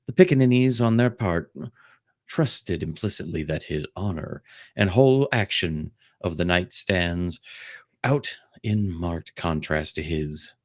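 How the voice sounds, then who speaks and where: A man with a low voice hosts a comedic dramatic reading of a storybook, recorded clean in a studio with no echo. He's jokey, breaking off for ad-libs, asides and laughter.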